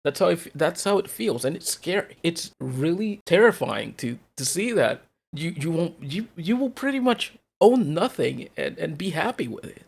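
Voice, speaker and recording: A man with a somewhat high-pitched voice delivers an unscripted, escalating rant. He rambles casually, swears freely and hammers phrases by repeating them, sounding exasperated. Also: sing-song, normal speed, creaky, slightly rough. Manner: casual, heavily profane talk. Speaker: host of a solo rant show.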